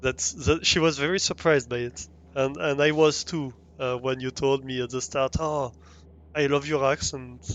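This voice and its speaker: A man's voice: medium pitch, steady tone, moderate pace, a bit bright, muffled recording. A young man with a French accent, streaming a game live and chatting with viewers, hesitant with many fillers and restarts. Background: faint music.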